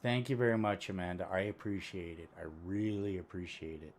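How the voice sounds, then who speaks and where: A man missing his two front teeth, chatting casually and matter-of-factly in a rambling way as he live-streams a video game. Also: sits low. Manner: rambling, unhurried, matter-of-fact. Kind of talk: casual live-stream chat while gaming. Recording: steady background noise.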